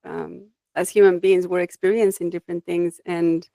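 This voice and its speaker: A reflective woman from Mexico, a life design coach appearing as a guest, tells personal stories in a conversational interview. Her voice is fairly low and gravelly yet mellow, with little pitch movement and a moderate pace. The sound is dry, with no echo.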